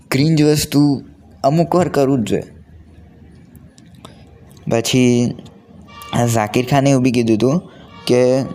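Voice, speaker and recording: Speaking in a mid-range, slightly mellow voice, a teenage male vlogger gives an earnest motivational talk straight to camera. It's unscripted and casual, in colloquial speech sprinkled with English words, and he has a Gujarati accent.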